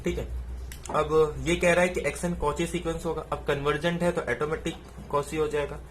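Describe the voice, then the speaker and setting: A man's voice: on the high side, fairly quick, a little hiss or hum. Man walking through math answers. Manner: steady explanatory, asks and answers own questions. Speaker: math teacher. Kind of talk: exam solution walkthrough.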